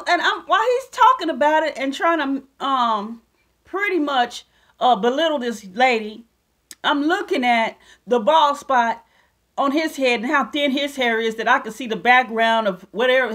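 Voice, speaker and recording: A woman's voice: high voice, a bit bright. A woman giving ranting, preachy commentary, mocking and combative as she calls out critics and reads scripture. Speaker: self-styled prophetess vlogger.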